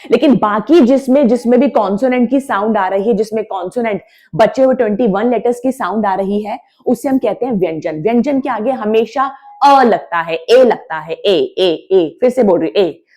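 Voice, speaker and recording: In a classroom-style grammar lesson, a woman with a mellow, medium-pitched voice teaches English at a moderate pace, blending Hindi with English words. She repeats her points emphatically and drills letter sounds aloud.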